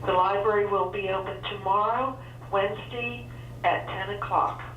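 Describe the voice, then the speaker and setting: Woman on a library PA, formal announcer delivery, dull distant loudspeaker sound with faint hum. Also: mid-range voice, fairly even intonation, moderate pace. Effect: over the library intercom. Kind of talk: public closing announcement. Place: public library, large indoor space. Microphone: building PA system, picked up by a distant recorder. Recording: muffled echoey loudspeaker heard from far off.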